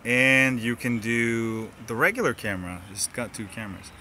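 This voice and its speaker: Rambling, bright-voiced male tech streamer. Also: mid-range voice, moderate pace, a little hiss or hum. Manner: rambling, loose, full of restarts and asides. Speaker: tech live-streamer answering viewer questions. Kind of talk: casual live-stream chat. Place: walking around, partly outdoors.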